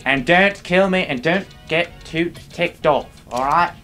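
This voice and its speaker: Young guy gaming and grumbling about lag, jokey rambly, kinda high voice, faint music. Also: measured pace, pushed and bright. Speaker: gaming video host. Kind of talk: let's play commentary.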